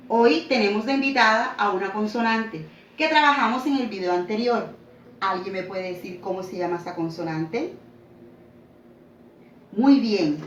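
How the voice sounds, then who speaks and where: A woman's voice: fairly high pitch, fairly bright tone. A woman teaching a reading lesson to young children, asking them questions and praising their answers. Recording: echoey room, distant mic, dull sound.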